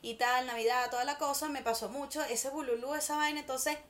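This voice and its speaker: A Venezuelan woman chats in a relaxed way, her voice sitting a bit high. She tells slangy stories and mimics what others said. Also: fairly quick. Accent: Venezuelan Spanish. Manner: slangy storytelling, acts out whispered quotes. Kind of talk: casual chat.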